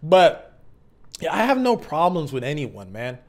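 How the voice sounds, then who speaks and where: Mid 20s guy, kinda higher voice, just talking honest to his subscribers, reflective n halting, lots of slang, unscripted. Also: huge pitch swings. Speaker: YouTube content creator. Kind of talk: candid, unscripted personal vlog.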